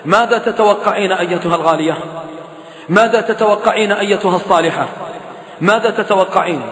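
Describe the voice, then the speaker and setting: Male preacher, high voice, pleading and impassioned, lots of hall echo. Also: quick pace, a bit bright. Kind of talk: emotional sermon. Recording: echoey hall reverb.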